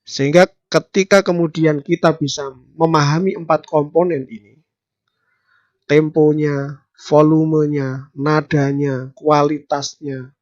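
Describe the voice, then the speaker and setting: A man's voice: fairly even intonation, measured pace, no room sound, highs cut off. Emphatic Indonesian man teaching. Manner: emphatic, stresses key words with louder higher bursts. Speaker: preaching skills teacher. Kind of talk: instructional talk.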